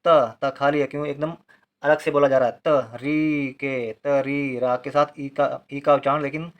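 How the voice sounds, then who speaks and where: A man gives a patient handwriting lesson, breaking every word into syllables and saying each one slowly, more than once. He often asks why, then answers it himself in a calm, even teaching voice. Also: medium pitch, muffled recording. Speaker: Hindi writing teacher.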